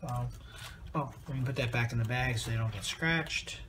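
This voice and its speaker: A man's voice: medium pitch, normal speed, fairly bright tone, slight background noise. A tired man giving a rambling, casual review of a plastic model kit, with lots of ums and uhs.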